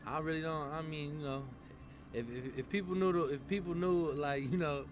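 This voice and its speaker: A man's voice: a little high, steady tone, normal speed, over music. A man, a rapper talking casually in an interview, loose and slangy with many fillers and restarts. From San Francisco Bay Area. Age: 20s. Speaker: rapper guest.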